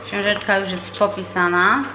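A woman's voice: medium pitch, moderate pace. Patient mother teaching reading at home. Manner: calm, patient, explanatory, with frequent hesitations. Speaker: parent teaching her child to read. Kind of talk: home reading lesson vlog. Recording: echoey room with faint noise.

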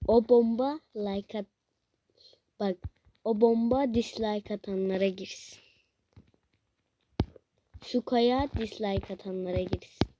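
Slow-talking woman shouting at a mobile game. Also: medium pitch, a little hiss or hum. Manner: excitable, swearing, shouting at the screen. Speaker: gaming video creator. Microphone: phone screen recorder.

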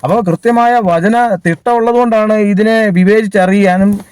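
High-voiced man preaching. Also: steady tone, darkish tone, smooth, dry recording. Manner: halting, many fillers and restarts. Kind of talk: sermon.

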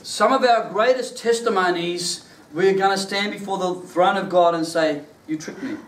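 A man preaching a sermon and telling his own testimony, animated and laughing through his stories. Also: sits high, normal speed. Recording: echoey room, mic at a distance.

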